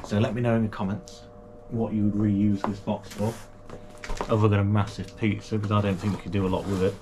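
A British kayaking channel host unboxes a product in a small home gaming room, his lowish voice delivered flatly and fairly quickly. He's chatty and enthusiastic, with frequent fillers and restarts, over a noisy background.

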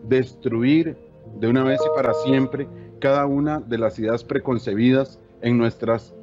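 A man's voice: mid-range voice, steady tone, a little slow, muffled recording, over loud music. A man with a Costa Rican accent giving an explanatory talk to teachers, often adding tag questions. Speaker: education official giving a talk. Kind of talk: presentation to teachers.

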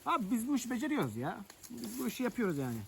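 Out in rural nature, a man vlogs casually to camera, chatting and joking with viewers while lighting a fire. His voice is extremely high, sing-song and creaky, and he talks at a racing pace over slight background noise.

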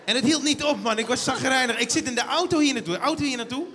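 A man performing a stand-up comedy routine on a theater stage, telling stories in an animated way. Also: very high-pitched, fast talker, a faint crowd. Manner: animated storytelling, acts out scenes. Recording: theater hall reverb.

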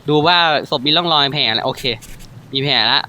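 Bright, excitable man playing a horror game. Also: on the high side, brisk. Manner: excitable, swears freely, jumpy reactions. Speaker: gaming YouTuber. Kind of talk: casual horror game commentary.

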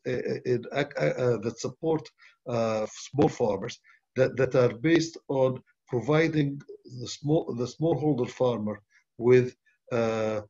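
An older man answering as a panelist on a webinar, halting with many uh fillers, over a laptop video call. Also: mid-range voice, darkish tone, husky. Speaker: panelist, development bank official. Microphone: laptop webcam video call. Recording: muffled video-call audio.

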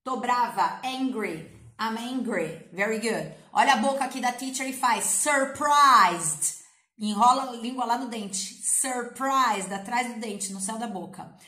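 Brazilian woman with a cold, online English teacher; bright, playful, drills learners, slightly high voice, echoey room. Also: moderate pace. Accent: Brazilian Portuguese. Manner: lively, playful, coaxing repetition with slangy asides. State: has a cold. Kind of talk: energetic online English lesson.

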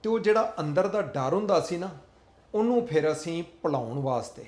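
A man's voice: on the high side, animated, moderate pace, a little mellow. Earnest motivational speaker, man, echoey room. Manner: earnest, repetitive, sermon-like delivery. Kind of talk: motivational talk.

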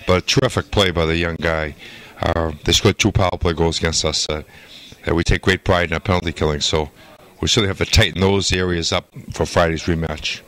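An older man coaching hockey, answering post-game interview questions in a measured, halting way full of "uh" fillers, into a handheld mic at an arena backdrop. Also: low voice, steady tone, a bit bright, low-quality recording. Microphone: handheld mic held by interviewer.

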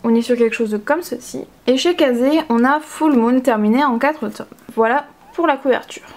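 Young woman vlogger, a touch high-pitched, relaxed and hesitant shelf-tour talk. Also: slight background noise. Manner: chatty, hesitant with frequent fillers. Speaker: manga collection vlogger. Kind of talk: casual shelf tour narration.

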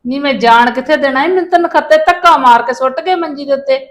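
A woman's voice: high voice, quick pace. A woman in a family drama, playing a mother-in-law who pleads and apologises to get her grandson back. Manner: pleading, self-pitying. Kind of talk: scripted village family drama.

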